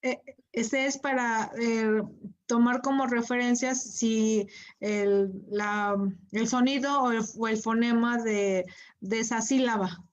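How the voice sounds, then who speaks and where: A workshop participant, a woman, asks her questions slowly and with hesitation, stopping to search for words. Her voice is a little high. It comes over a video call, muffled and lo-fi. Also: fairly even intonation. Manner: hesitant questions, halting phrasing.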